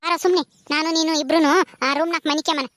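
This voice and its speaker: A woman's voice: high voice, steady tone, fast, fairly bright tone. A woman voicing a harsh, suspicious old mother-in-law who scolds and taunts. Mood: taunting.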